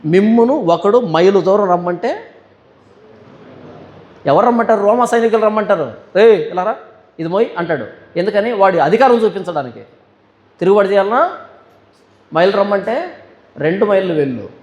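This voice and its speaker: High-voiced man preaching in a reverberant hall. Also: expressive. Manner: asks rhetorical questions and answers them; reads scripture verses slowly and deliberately. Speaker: pastor. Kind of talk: Bible study sermon.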